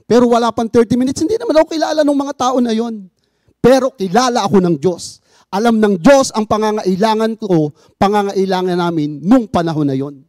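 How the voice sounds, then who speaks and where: Earnest father, high mellow voice, testimony storytelling, acts out quoted lines, dry close sound. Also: fairly quick, no echo. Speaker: father sharing a personal testimony.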